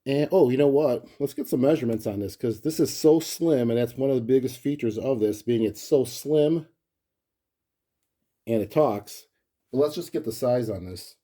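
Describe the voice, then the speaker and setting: A mellow, mid-range male voice at normal speed belongs to a collector showing off a gadget up close. The talk is loose and unplanned, with him thinking out loud in a laid-back way.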